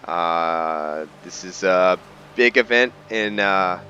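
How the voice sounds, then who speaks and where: Speaking slowly in a low, bright, forceful voice, this man muses to himself while playing a video game, offering easygoing commentary on his own run. The sound is lo-fi and carries faint background noise.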